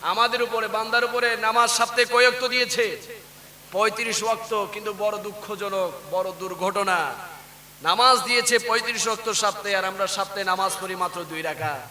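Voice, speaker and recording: Shouting high-voiced preacher, echoey hall. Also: male voice, a little fast, a little hiss or hum. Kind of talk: fiery waz sermon.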